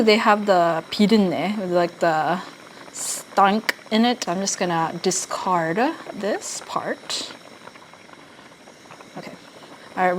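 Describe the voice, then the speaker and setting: Lady chatting on her cooking vlog, giggly n expressive, normal pitch, some noise behind her. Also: low-quality recording. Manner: expressive, giggly, switches into Korean phrases. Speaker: vlog host cooking on camera. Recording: noticeable background noise.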